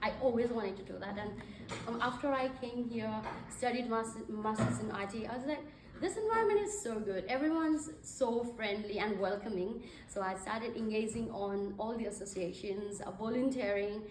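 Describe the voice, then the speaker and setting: This guest speaker, a young Nepali woman, gives a filler-heavy conversational speech at normal speed in a voice on the high side. Recorded from afar in an echoey event hall, the clip has background noise.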